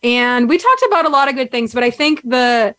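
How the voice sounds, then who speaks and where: A young adult woman hosts a podcast while sitting on the ground, recapping things in a casual, upbeat chat full of "like" and "um." Her voice is a little high, animated, brisk and somewhat bright, with no room sound.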